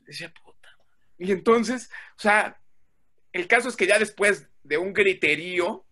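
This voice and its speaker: A man tells a story from his working life in a lively, animated way. He acts out both sides of the conversations and swears easily along the way. His voice sits high for a man and sounds bright. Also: a little slow. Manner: animated, acts out quoted dialogue, swears casually. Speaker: guest telling a work story. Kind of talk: casual storytelling.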